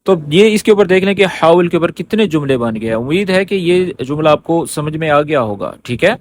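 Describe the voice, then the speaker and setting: A male language teacher with a slightly raised pitch talks through phrases one by one. He slows down to repeat them and keeps checking that his students are following. A faint hum of room ambience sits under his voice. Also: lively intonation. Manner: patient, checks understanding often. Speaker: Arabic teacher. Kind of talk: language lesson explaining phrases.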